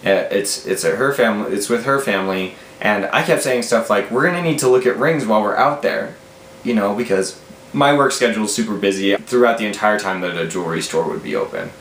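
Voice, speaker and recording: Telling a story from a small room at home, an American man in his twenties speaks a little fast in a lowish, slightly bright voice. He keeps it casual and animated, quoting lines of dialogue. A roomy echo and faint background noise are audible.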